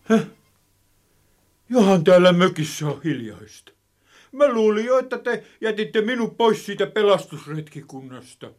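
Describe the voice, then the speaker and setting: A man's voice: high voice, big pitch swings. A man voicing a kindly, fumbling man in a children's radio play, stammering through hesitant restarts. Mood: homely. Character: kindly, fumbling man cooking fish soup.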